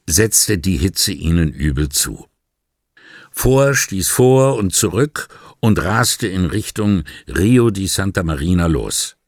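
A man narrating a crime novel audiobook in a measured reading style, lightly voicing the dialogue. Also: sits low, no echo, studio quality. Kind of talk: scripted narration.

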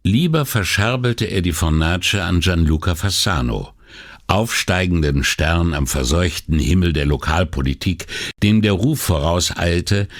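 A man reading a crime novel aloud in a measured, steady scripted narration. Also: low voice. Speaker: audiobook narrator.

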